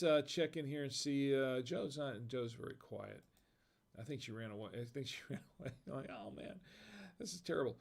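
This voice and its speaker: A man's voice: mid-range voice, a little mellow. An American man hosting a casual live stream, telling corny bar jokes, chuckling at them himself and reading viewer comments aloud. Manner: tells dad jokes and laughs at them; reads chat comments aloud. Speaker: livestream host.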